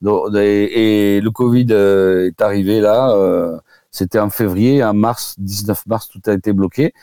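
Hesitant man with a mellow voice. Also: on the low side, unhurried, clear, resonant tone, no room sound, studio quality. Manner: hesitant, many fillers and restarts. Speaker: osteopath guest doctor. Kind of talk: casual radio chat.

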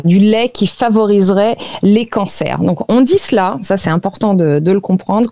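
A woman with a slightly high voice talks through nutrition research as a radio guest. She explains at length in a chatty, conversational way, pausing often on small fillers. The sound is dry and close, with no room around it. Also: darkish tone, no room sound. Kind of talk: radio health talk.

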